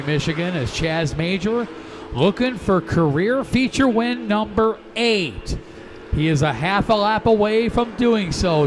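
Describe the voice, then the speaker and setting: A man working as a race announcer, giving live motorsport commentary in a proclaiming track announcer's delivery. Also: a little high. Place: broadcast booth at a racetrack. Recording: background noise at outdoor race.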